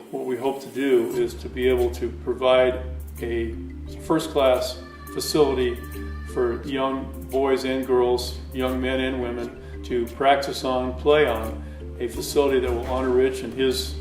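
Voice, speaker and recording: Flat-toned man in an echoey room. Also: mid-range voice, unhurried. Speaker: foundation founder. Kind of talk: documentary interview. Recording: echoey, distant mic. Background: faint music.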